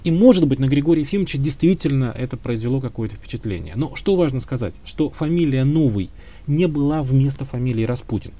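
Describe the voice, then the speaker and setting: Mellow-voiced man, thoughtful and hedging. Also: mid-range voice, animated, fast. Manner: thoughtful, hedging, many filler sounds. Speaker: historian guest. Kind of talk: conversational interview answers.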